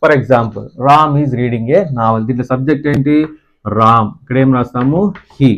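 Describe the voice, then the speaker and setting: Male grammar teacher with a Telugu accent, medium pitch, slightly dull lo-fi sound, reads definitions slowly and explains fast. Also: steady tone. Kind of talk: classroom-style grammar lesson.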